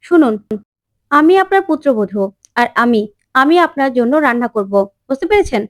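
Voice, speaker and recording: Vidya: sharp young woman, as a narrator puts her on. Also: sits high, animated, normal speed. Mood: retorting. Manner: retorting, teasing. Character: sharp-tongued young woman professor, bold daughter-in-law.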